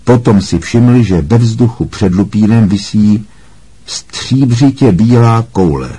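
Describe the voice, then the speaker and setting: A man reading a story aloud as an audiobook narrator, measured and voicing the dialogue. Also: fairly low pitch, animated, dark tone, husky. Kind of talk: scripted narration.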